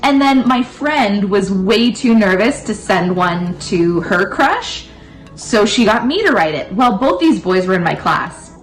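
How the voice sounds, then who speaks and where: A woman's voice: mid-range voice, animated, a little slow, faint music behind, poor audio. A young woman chatting informally over food, telling stories and acting out what people said. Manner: informal storytelling with acted-out quotes. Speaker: co-host of a mukbang Q and A. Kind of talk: casual chat while eating.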